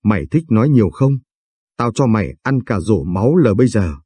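A vicious, foul-mouthed older mother-in-law, put on by a man narrating a storybook, hurling abuse and scolding nonstop. The voice sits low and dark with a husky edge, close and dry. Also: big pitch swings, a little fast, dry recording. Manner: shouting, abusive, vulgar scolding.

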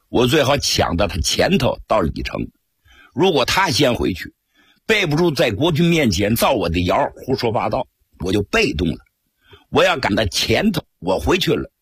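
A man telling a traditional story for radio, animated and acting out each voice. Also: mid-range voice, breathy edge, dry recording, clean studio sound.

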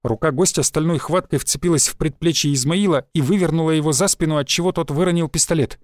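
A man narrating an audiobook in a steady, even storytelling voice. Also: on the high side, fast, dry recording, clean studio sound. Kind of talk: scripted narration.

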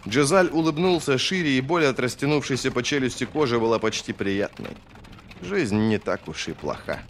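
A man narrating a fantasy novel as an audiobook in a steady, expressive reading. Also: medium pitch, moderate pace, a little hiss or hum.

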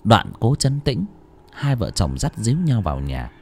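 A man narrating a horror story in an expressive, dramatic style. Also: on the low side, moderate pace, husky. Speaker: audiobook narrator.

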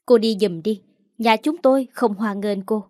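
A woman's voice: mid-range voice, moderate pace, darkish tone, dry recording, studio quality, lightly acted. A woman voicing a scornful, contemptuous older woman of the house.

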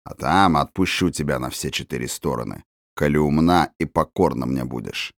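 A man voicing a coarse, menacing male forest tramp in an audiobook, with a rough, hoarse voice and slow, gloating, threatening delivery. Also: extremely low pitch, no room sound, clean studio sound. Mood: commanding.

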